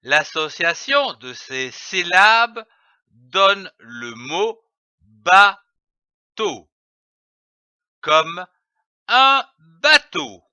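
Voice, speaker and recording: A man narrating a reading lesson, spelling out letters and syllables one by one with long, careful pauses. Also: high-pitched, very animated, sharp tone, clear, resonant tone, dry recording. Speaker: reading teacher. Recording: dull, lo-fi dry voice-over.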